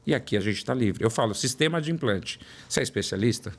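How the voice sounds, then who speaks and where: This paulistano guest in his forties, a product development director, fills an interview conversation with lively anecdotes. He talks fast in a mid-pitched voice with a São Paulo Portuguese accent, and in his storytelling he repeats words for emphasis.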